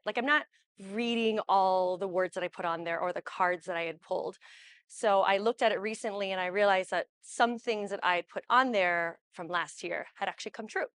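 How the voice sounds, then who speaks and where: A woman's voice: medium pitch, fairly bright tone, no echo. Woman from hawaii in her 30s chatting to a workshop group, loose and filler-y, dry close sound. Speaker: Pilates instructor hosting a workshop. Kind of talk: casual welcome talk to a live group. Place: wellness studio with a small audience.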